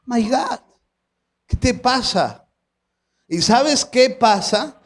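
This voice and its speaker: Man, pastor, emphatic sermon, fairly high voice. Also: lively intonation, drawn-out words. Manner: emphatic preaching, rhetorical questions to the congregation, drops in English words.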